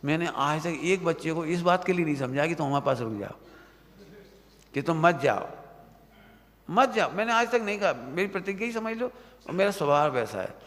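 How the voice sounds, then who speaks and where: Strict jain preacher guy lecturing his students, a bit high voice, long echo off the hall. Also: expressive, normal speed, pauses often, a bit bright. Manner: stern, admonishing, asks listeners if they understood. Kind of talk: Hindi religious discourse to students. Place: hall of a Jain study centre, at night.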